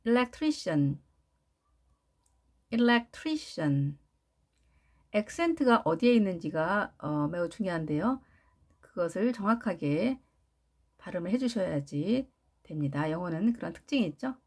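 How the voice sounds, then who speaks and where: A woman teaching English pronunciation in Korean, repeating each word slowly and stressing syllables. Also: lowish voice, lively intonation, darkish tone. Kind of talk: pronunciation lesson with drilled repetitions.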